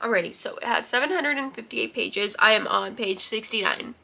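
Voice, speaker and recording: Filming a book vlog on the camera in her room, this young woman sounds congested and nasal from a cold. Her voice is a little high with vocal fry, bright and forceful, moving at a moderate pace as she chats casually, rambling with lots of ums and likes.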